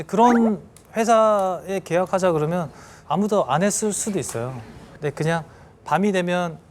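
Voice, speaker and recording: A man in his thirties giving a storytelling lecture to an audience, lively and acting out scenes with sound effects. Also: on the high side. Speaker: celebrity lecturer.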